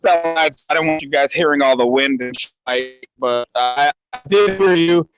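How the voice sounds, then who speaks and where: A man's voice: fairly high pitch, a little slow, clear, resonant tone, muffled recording, soft background music. Man on a choppy, cutting-out call. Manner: relaxed, offhand, swears casually. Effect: choppy online call audio that keeps cutting out. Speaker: livestream panelist. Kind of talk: casual political chat. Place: outdoors in the wind.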